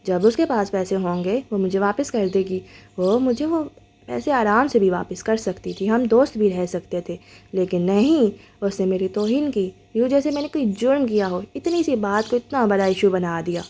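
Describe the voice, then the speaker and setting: A woman voicing a bitter, defensive wealthy young man in a storybook reading, pitching her voice low and sounding aggrieved. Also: lively intonation, warm tone, natural voice.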